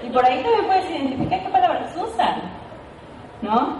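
A woman's voice: high-pitched, big pitch swings, moderate pace, a little mellow, some chatter behind, slight background noise. A woman giving an informal training talk to a sales team, chatty and playful, often checking in with "ok?". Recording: echoey room, mic at a distance.

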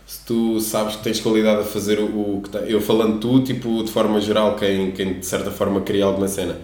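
A man's voice: fairly low pitch, level tone, brisk, a little mellow, echoey room. A young man in casual conversation as an interviewer, slangy and full of filler words. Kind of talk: casual chat.

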